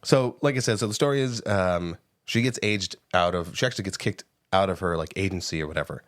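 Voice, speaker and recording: A man co-hosting a podcast, giving a casual, animated movie review with frequent swearing and laughter, close on the mic. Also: low voice, a little fast, no room sound. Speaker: podcast co-host. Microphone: close studio mic.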